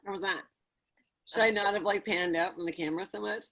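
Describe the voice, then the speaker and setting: A woman's voice: mid-range voice, fairly even intonation, fairly quick, a bit bright, low-quality recording. A chatty woman competing in a contest, joking casually and a little dramatically.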